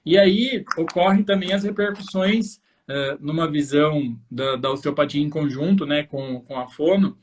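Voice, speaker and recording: A man with a Brazilian accent, an infant osteopath, hosts a live educational talk and explains things fluently, addressing parents directly as a practitioner. His voice is on the high side, at normal speed with hardly any pauses, over slight background noise.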